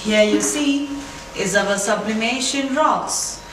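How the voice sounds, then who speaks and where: In a showroom, a woman in her thirties runs through a scripted product demonstration, speaking deliberately and instructively with a slightly high voice. A distant camera mic picks her up, so the sound is echoey and the room noisy.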